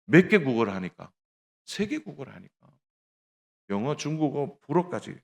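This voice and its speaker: Middle-aged male pastor, sermon delivery, animated pitch, acts out the dialogue in his stories. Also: normal speed, creaky. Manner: tells a story with acted dialogue, addresses the congregation directly.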